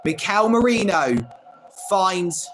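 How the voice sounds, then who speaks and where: A man runs a live football watchalong stream, calling each pass by player name and talking with viewers between plays. His voice is high and a bit bright, and he speaks slowly. The recording is rough, with a little hiss or hum.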